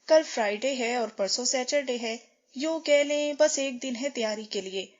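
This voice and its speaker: A woman narrating a novel as an audiobook, reading every character's lines in a steady storytelling manner. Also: high voice. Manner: steady storytelling, shifts tone for dialogue. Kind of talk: scripted novel reading, voicing all characters. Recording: dull lo-fi recording.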